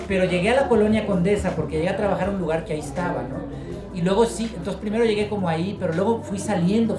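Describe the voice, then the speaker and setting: A man from Guadalajara with a Mexican accent, an author talking about his work in a relaxed, joking way at a book presentation. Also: high voice, roomy sound, recorded from a distance. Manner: relaxed, storytelling, joking asides. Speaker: author being interviewed.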